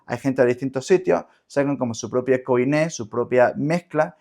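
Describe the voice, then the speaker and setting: A man's voice: mid-range voice, normal speed, gravelly, darkish tone. A man with an Andalusian Spanish accent explaining things didactically as a linguist in an interview, often repeating words as he searches for the next. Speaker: linguist guest.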